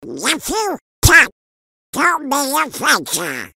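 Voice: high voice, huge pitch swings, slow, creaky, bright, forceful tone, no room sound, clean studio sound, heavily acted. A performer voicing an irritable, scheming male cartoon duck in a squawky, garbled duck voice, blustering theatrically. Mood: smug. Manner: theatrical self-narration, blustering. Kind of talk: amateur comic dub acting.

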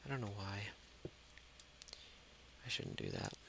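A man's voice: fairly low pitch, wildly swooping pitch, slow, creaky, very noisy. A man doing gameplay commentary, talking to himself and the monsters and dropping to a whisper when scared. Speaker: let's play host. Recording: loud mouse clicking over the voice.

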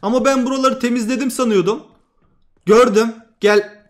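Young male gaming host, very high voice, hyped trash-talk commentary over gameplay. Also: normal speed. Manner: excitable, trash-talking, swings from loud to muttering.

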